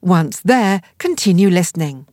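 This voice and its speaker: A woman reading scripted nature documentary narration as an audio guide, in a measured, explanatory way. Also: on the low side, lively intonation, darkish tone, no room sound, studio quality. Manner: measured, explanatory read delivery.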